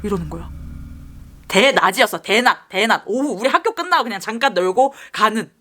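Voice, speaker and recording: Young woman, casual storytelling, imitates people, animated voice. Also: mid-range voice, brisk, slight background noise. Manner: lively, mimics the people in her story. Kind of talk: casual storytelling while doing makeup.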